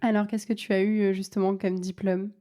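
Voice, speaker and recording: Mellow-voiced woman hosting a podcast. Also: medium pitch, little pitch movement, brisk. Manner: friendly questioning with small fillers. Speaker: podcast host. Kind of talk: podcast interview.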